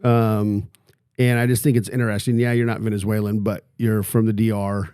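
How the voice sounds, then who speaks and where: A man's voice: on the low side, little pitch movement, normal speed, warm tone, clear, resonant tone, no room sound, studio quality. A man hosting a casual interview, asking joking, teasing questions. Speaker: podcast host.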